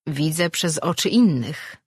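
Casting: reader doing a gentle teasing male companion, dry close mic. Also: mid-range voice, expressive, a little slow, slightly rough, no echo. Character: calm wise male companion, amused and gentle.

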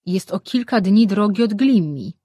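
A woman voicing a calm, matter-of-fact male sorcerer in an audiobook, reading in a husky voice. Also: medium pitch, normal speed, dry recording, studio quality, pitched above the performer's own voice, lightly acted.

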